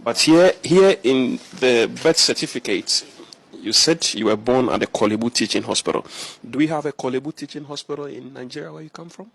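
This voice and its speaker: A man's voice: medium pitch, brisk, gravelly, a bit bright. A man conducting a confrontational interview and news report, pressing his subject with repeated pointed questions.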